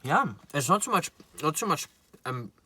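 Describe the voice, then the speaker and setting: A man chatting casually to viewers while he eats, pausing and murmuring between remarks. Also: a little high, big pitch swings, bright, forceful tone, breathy edge. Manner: talks while eating, with murmured mms and pauses. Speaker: mukbang vlogger. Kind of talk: casual eating chat to viewers.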